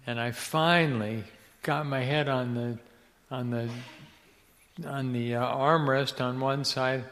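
A man's voice: medium pitch, steady tone, slow pace, fairly bright tone. An older man from Ecuador tells a long story as an interview guest, wandering and searching for his words. His voice sits in a mid range. A long hall reverb trails every phrase. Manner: rambling, searches for words with many restarts. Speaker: guest, missionary's son.

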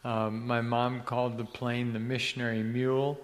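A man's voice: mid-range voice, level tone, moderate pace. An older man from Ecuador, a missionary's son, telling stories as an interview guest and often searching for words and restarting. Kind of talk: storytelling in a faith interview. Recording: long hall reverb.

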